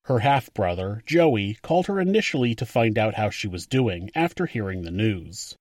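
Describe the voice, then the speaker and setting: A man narrates a true crime podcast from a script, his pitch moving in a lively way across each sentence. He sounds measured as he weighs the evidence. The recording is dry and close, with no room sound. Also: no room sound.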